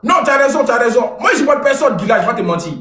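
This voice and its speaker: A man agreeing excitably in a casual live stream chat. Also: very high voice, very fast, echoey room.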